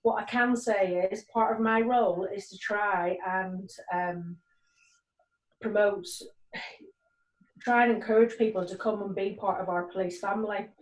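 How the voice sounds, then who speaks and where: A woman in her forties from Nigeria and Northern Ireland, a police community cohesion sergeant, talks with earnest intent over a video call, her mid-range voice fairly flat and broken up by ums and restarts. The sound is distant and roomy, as if she is well back from the mic.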